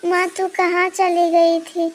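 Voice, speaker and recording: A gentle, mistreated young girl from a cartoon story, pleading and tearful, as a woman reads her. The voice is high and holds a flat, narrow line. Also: takes it slowly. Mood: sad pleading.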